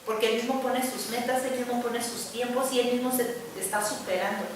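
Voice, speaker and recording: A woman preaches in a high, clear voice, speaking earnestly and conversationally as she keeps checking that her listeners agree. She is heard from some distance, in a very echoey church hall with faint noise behind her. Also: steady tone, brisk. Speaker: preacher at a women's gathering. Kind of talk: sermon.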